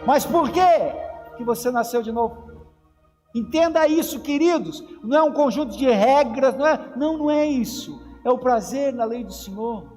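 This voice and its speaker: A Brazilian man with a very high voice delivers an emphatic church sermon. He calls out to the congregation again and again. The sound rings with hall reverb, and faint music plays behind him. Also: brisk, a little mellow. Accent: Brazilian Portuguese. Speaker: pastor. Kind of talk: lively Pentecostal sermon. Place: church sanctuary.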